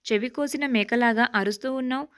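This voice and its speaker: A man's voice: extremely high pitch, brisk, a bit bright, clear, resonant tone. A woman voicing a cool, sarcastic young male boss who mocks and orders his employee about. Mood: cool mocking. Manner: mocking, curt, unbothered.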